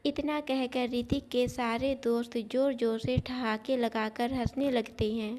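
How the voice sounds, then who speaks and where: A woman storyteller reading a family story aloud in a steady, even way. Her voice sits rather high and hardly rises or falls. The delivery is calm and level throughout. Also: a little slow. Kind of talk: storybook narration.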